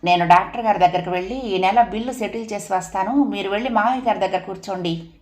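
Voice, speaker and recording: A woman voicing a caring young wife who gently coaxes her husband, read aloud in a storybook. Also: mid-range voice, fast, echoey room, close to an everyday voice. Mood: coaxing. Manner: soft, coaxing.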